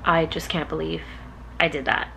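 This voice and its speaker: A young woman chatting in a casual vlog in her groggy morning voice, rambling and excitable, recorded indoors. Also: low voice, normal speed, creaky, slight background noise. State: sleepy morning voice. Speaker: concert vlogger.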